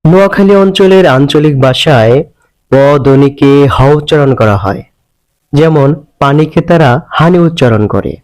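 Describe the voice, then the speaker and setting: A man giving a lecture on regional dialect sounds, reading out word pairs one by one in a careful, measured way. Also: fairly high pitch, animated, a little mellow, poor audio. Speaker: language teacher.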